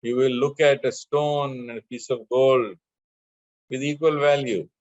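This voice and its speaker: A man teaching spiritual lessons in a measured way, chanting scripture verses between his explanations. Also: medium pitch, fairly even intonation, dry recording, dull audio. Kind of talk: spiritual discourse with scripture recitation.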